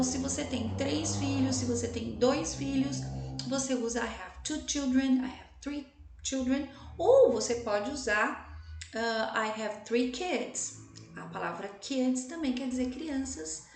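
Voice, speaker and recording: Brazilian lady teaching english, slow and patient, kinda high voice, echoey room. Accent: Brazilian Portuguese. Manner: patient, repeats words slowly for pronunciation. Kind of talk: slow explanatory lesson.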